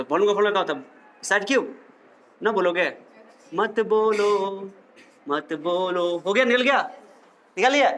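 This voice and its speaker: A man's voice: sits high, a bit bright. A male physics teacher works through problems. He teases and quizzes his students as he goes. He keeps the lecture playful and joking. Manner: teasing, jokey, quizzes the students.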